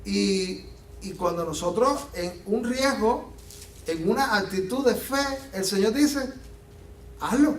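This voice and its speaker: A man preaching a sermon as pastor, animated and acting out the Bible scenes he tells. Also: high voice, takes it slowly, a little hiss or hum. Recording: echoey room from a distance.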